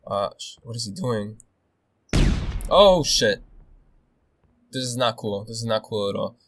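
A young man commentating his own game as he plays, excitable and swearing, swinging between nervous muttering and loud outbursts. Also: lowish voice, brisk, a little hiss or hum. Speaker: gaming video host. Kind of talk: casual gameplay commentary.

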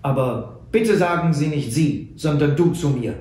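A man's voice: a little high, a little slow, darkish tone, lightly acted. A man voicing an earnest young chief's son. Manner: formal, courteous. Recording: echoey room.

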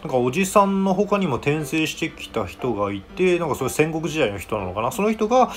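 A man's voice: fairly high pitch, very animated, fairly quick. A man giving a casual, chatty review of an anime episode, laughing often between his remarks.

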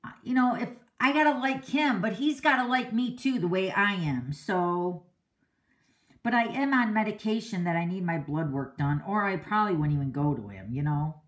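With an animated, medium-pitched voice at a normal speed, this middle-aged woman runs a card-making livestream. She's boisterous and blunt as she chats with viewers, breaking into laughter often.

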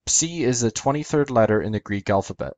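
A man's voice: mid-range voice, animated, brisk, darkish tone, no room sound. A man hosting an educational video, narrating a methodical scripted explanation step by step.

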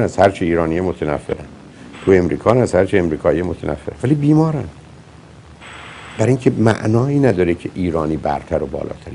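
A man's voice: low voice, a little mellow, slight background noise. A man hosting a call-in advice show as a psychologist, blunt and lecturing with his caller. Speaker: psychologist host.

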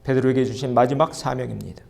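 A man's voice: medium pitch, fairly even intonation, quick pace, gravelly, a little mellow. A man preaching a sermon as a pastor in a church, asking the congregation questions and leading them in reading aloud. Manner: asks the congregation questions and leads group reading. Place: church sanctuary.

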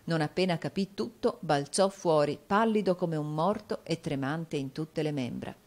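Audiobook narrator, woman, lower pitch, measured scripted narration. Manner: steady, measured storytelling.

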